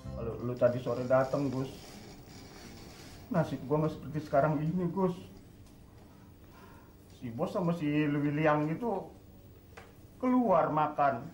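A whiny house servant. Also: male voice, on the high side, expressive, unhurried, long pauses, darkish tone, faint music behind. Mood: lonely. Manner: whiny, pleading. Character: whiny young male servant left home. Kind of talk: sitcom acting. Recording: roomy set sound.

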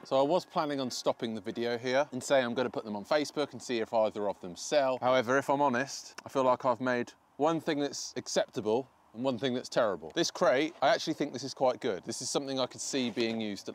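Out on a paved garden patio next to a field, a Brit in his thirties gives informal, self-deprecating commentary over his DIY woodworking vlog. His medium-pitched voice is brisk with few pauses, and the recording carries a little hiss or hum.

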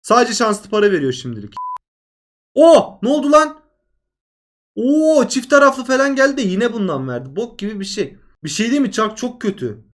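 A man giving casual commentary on a mobile game, talking straight to viewers, excitable and cursing freely at bad luck. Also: sits high, brisk.

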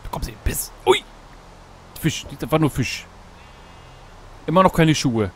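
A man casually commenting on his gameplay while fishing, talking to himself, greeting animals in the game, and yelping excitedly at each catch. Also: on the high side, a little slow, slight background noise. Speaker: Let's Play host. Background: background game music.

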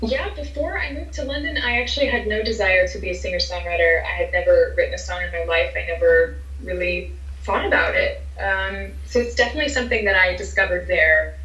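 A young singer-songwriter from Philadelphia, with a softened American accent, chats brightly and briskly as an interview guest, gesturing as she talks in a lowish voice. She's in an indoor room at home on a video call through wireless earbuds, so the audio sounds roomy, distant and dull.

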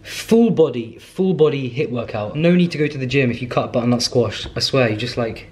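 A British man in his thirties rambles cheerfully to a handheld camera, joking at his own expense while he potters around his kitchen. His voice sits at an everyday middle pitch. The room gives his voice a noticeable echo. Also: fairly quick, darkish tone. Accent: British English. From United Kingdom. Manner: rambling, self-mocking, talks straight to camera. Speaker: vlogger. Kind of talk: casual chatty vlog. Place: home kitchen and living room sofa, indoors. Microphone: handheld camera at arm's length. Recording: echoey room.

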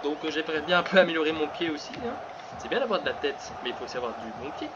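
A man commentating his own football video game career live, excitable, breaking into shouts and laughter before calming himself down. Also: a little high, racing. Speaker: gaming channel host. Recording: muffled lo-fi sound with steady background noise.

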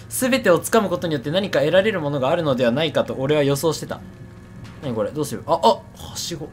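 Guy streaming a game, talks fast, repeats himself, very up and down voice. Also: on the high side, slight background noise. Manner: chattery, repeats words, self-mocking. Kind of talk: casual running game commentary.

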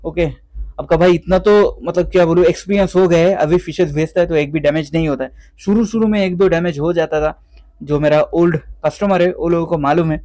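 A young man from West Bengal talks casually through a video tour of his fish farm. His voice sits a little high, and he keeps dropping English words and a running "theek hai" into his Hindi. The sound is close and dry. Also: darkish tone, no room sound. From West Bengal, India. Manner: chatty, repeats "theek hai" often. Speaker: guppy breeder and seller. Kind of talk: casual vlog walkthrough.

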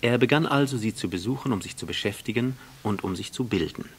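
Gravelly, husky male storyteller. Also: lowish voice, fast. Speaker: narrator. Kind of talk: audiobook reading.

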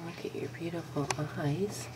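A young woman filming a pet lizard, often whispering gently and giggling as she coaxes it. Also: fairly low pitch, moderate pace, noisy background. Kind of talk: casual home video narration.

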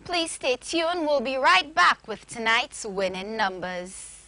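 High, bright young woman hosting a lottery draw. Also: very animated, slow, no echo. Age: young adult. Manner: formal, clearly announced phrasing. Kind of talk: scripted TV lottery draw presentation. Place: TV studio.

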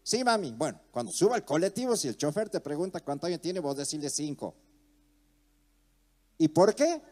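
A man's voice: fairly high pitch, expressive, fast, darkish tone. A man doing live stand-up, telling a joke as a little story with acted dialogue. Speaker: comedian.

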